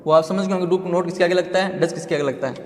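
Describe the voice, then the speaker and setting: A man's voice: sits high, steady tone, quick pace. A man giving a step-by-step grammar lesson, repeating terms and asking himself questions. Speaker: grammar teacher. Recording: echoey room with long reverb.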